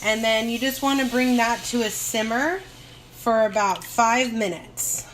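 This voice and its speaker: A woman's voice: fairly high pitch, measured pace. A woman giving a casual, loose cooking demonstration, thinking aloud and wandering off on playful asides. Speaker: home cook hosting a cooking video. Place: home kitchen, recorded on a phone. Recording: noisy kitchen, clattering dishes and pans.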